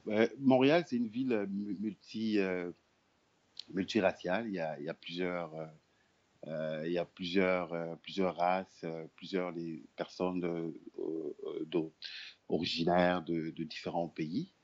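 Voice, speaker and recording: A man's voice: low-pitched, steady tone, measured pace, a little mellow, lo-fi sound. A man from the Republic of the Congo, an actor, puppeteer and storyteller, answering interview questions hesitantly with many fillers and restarts.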